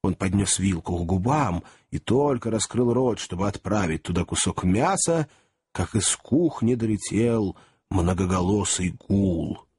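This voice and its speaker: Husky man narrating a storybook. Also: low-pitched, lively intonation, a little slow, darkish tone, no echo. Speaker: audiobook narrator.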